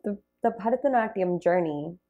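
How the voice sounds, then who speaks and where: Young female guest, low-pitched with a touch of fry, thoughtful and unhurried in conversation. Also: animated, narrow, tinny audio. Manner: reflective, many fillers like "like" and "um". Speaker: interview guest, Bharatanatyam dancer. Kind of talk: casual interview conversation.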